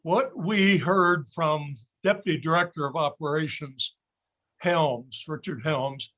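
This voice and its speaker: An older man telling an anecdote to a luncheon group in an unhurried, measured way with pauses. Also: fairly high pitch, pushed and bright, rough recording. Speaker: audience member telling a story. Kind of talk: anecdotal storytelling.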